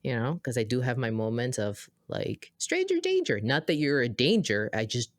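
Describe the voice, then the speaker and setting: An American woman co-hosting a podcast tells a story in a casual, chatty way, full of fillers and asides. She's animated, acting out quoted dialogue with big leaps in pitch, at a normal speed in a dry, studio-quality recording.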